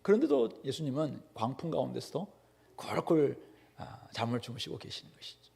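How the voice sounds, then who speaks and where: A man's voice: medium pitch, very animated, fast, gravelly, darkish tone, slightly rough. A male pastor giving a conversational sermon, with frequent fillers and rhetorical questions.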